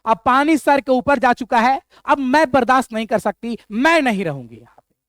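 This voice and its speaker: An exasperated young wife , as a male teacher puts her on, protests that she will not stay another day. She speaks with a lively, swinging pitch. The sound is dry and close, with no room around it. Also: normal speed, dry recording. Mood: fed up. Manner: complaining, insistent. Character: fed-up young wife, an engineer.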